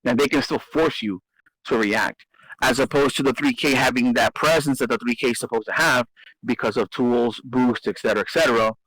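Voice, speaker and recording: A male host with a medium-pitched, slightly bright voice talks briskly in a casual gaming strategy discussion. He explains game strategy, often restarting and repeating phrases for emphasis. The recording quality is low.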